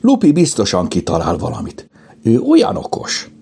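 A man voicing a timid, sweet young elf girl in a children's audiobook, soft and squeaky. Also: wildly swooping pitch, gravelly, husky, heavily acted.

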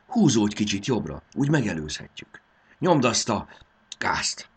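Man voicing an excitable storybook fairy girl. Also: sits low, creaky, breathy edge, voice pushed up, heavily acted. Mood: eager, bossy. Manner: bossy, lively, urgent.

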